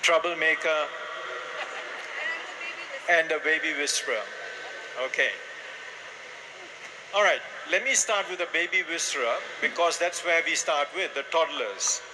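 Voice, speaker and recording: A man moderating a live panel discussion, briskly summing up the guests' answers and posing questions. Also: a little high. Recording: noisy live event recording.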